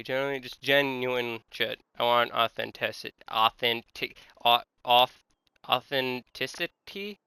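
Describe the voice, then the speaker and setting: A man's voice: mid-range voice, vocal fry, sharp tone, smooth, dry recording, rough recording. A man of twenty-one talking casually and candidly while gaming, hesitant and self-deprecating as he searches for words. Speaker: gaming content creator. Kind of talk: casual, confiding talk over gameplay.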